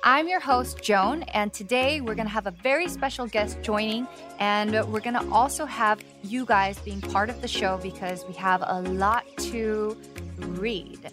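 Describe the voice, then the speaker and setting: A woman's voice: medium pitch, a little slow, music in the background. A woman hosting a podcast, chatting enthusiastically with a guest and filling her talk with casual "like"s. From Los Angeles, USA. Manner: chatty, enthusiastic, many likes. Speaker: podcast host. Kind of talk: casual chat.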